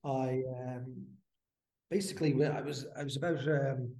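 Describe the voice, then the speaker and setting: A man in his fifties from the Netherlands, a brewery co-founder, talking as a podcast guest in a halting, filler-filled way. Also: medium pitch, fairly even intonation, darkish tone, reverberant. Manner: halting, many fillers and restarts. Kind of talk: casual interview.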